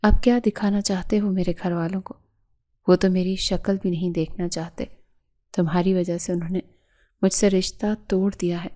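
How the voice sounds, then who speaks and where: A woman's voice: lowish voice, level tone, mellow, natural voice. A woman voicing a wronged young wife in an audio story, tearful and bitter.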